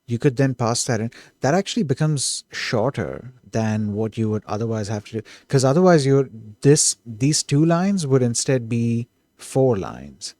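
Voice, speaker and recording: Excitable man puzzling over code aloud. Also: mid-range voice, unhurried, few pauses, no echo. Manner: excitable, self-correcting, trails off and restarts. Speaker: streamer coding live. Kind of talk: thinking aloud while coding.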